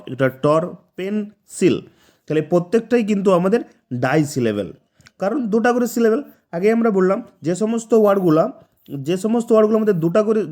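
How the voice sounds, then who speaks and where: A man's voice: sits high, warm tone. A man teaching a grammar lesson, patiently breaking words into syllables and checking that listeners follow. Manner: patient, repeats words syllable by syllable, asks "ঠিক আছে?". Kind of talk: spoken lesson explaining examples.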